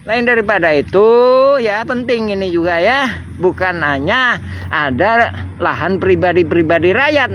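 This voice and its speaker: A man speaking as a community representative, making an earnest, halting appeal to camera outdoors with many fillers. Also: extremely high pitch, fairly bright tone, a little hiss or hum. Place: outdoors by fields.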